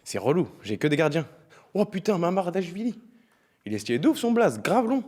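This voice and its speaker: A young man streaming a game live, slangy and joking, swinging from low mumbling to excited shouting. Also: a little fast. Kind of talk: live gaming stream chatter.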